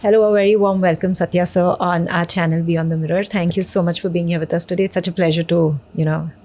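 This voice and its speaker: Polite female interview host, low voice. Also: steady tone, quick pace, dark tone. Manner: polite, frequent affirming murmurs. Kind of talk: conversational interview.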